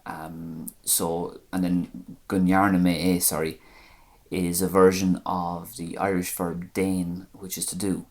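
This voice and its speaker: Low-voiced guy teaching a language lesson, patient, goes over each phrase slow and word by word. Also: little pitch movement.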